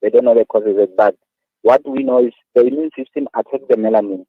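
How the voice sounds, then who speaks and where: A man in his thirties with a South African accent, a guest speaking earnestly and haltingly, repeating his words as he explains. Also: medium pitch, breathy edge, dry recording. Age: 30s. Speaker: guest, awareness activist. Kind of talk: phone-in radio interview. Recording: tinny phone line.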